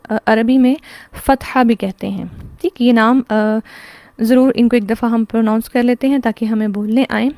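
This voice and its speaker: Patient female tajweed teacher, Pakistani Urdu accent, slightly high voice, online class. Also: a little mellow, no room sound. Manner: patient, explains step by step with questions and answers. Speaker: Quran recitation teacher.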